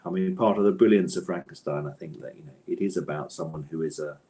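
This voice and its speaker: Speaking at a quick pace, an author with a mellow, notably low voice answers interview questions in a conversational, thoughtful way. He often hedges, pauses, and goes back to reword what he just said.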